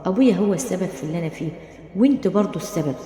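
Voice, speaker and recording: A woman's voice: lowish voice, lively intonation, rapid-fire, warm tone, close to an everyday voice. Tearful young wife, read by a woman, Egyptian accent, pleading, reverberant room. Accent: Egyptian Arabic. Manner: pleading, weepy. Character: frightened tearful young wife, unhappy in marriage. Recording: roomy, long reverb.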